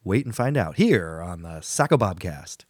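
Male podcast host, deep voice, jokey and relaxed, dry close mic. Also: moderate pace, husky, no echo. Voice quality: deeper than usual. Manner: joking, laughs often. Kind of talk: casual chat. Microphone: studio microphone.

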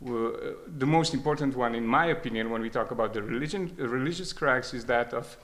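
A man talks through his memories in a measured, reflective way. He pauses often and repeats words as he searches for the right phrasing. His voice sits at an ordinary middle pitch. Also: a bit bright. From Croatia. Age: 30s. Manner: hesitant, restarts and repeats words while thinking. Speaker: speaker sharing personal experience. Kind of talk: reflective spoken testimony.

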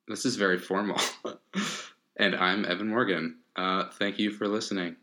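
A man's voice: sits low, level tone, moderate pace, bright, forceful tone. A man co-hosting a podcast in casual chat, rambling with fillers and restarts. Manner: rambling, frequent fillers and restarts, laughs often. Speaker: podcast co-host.

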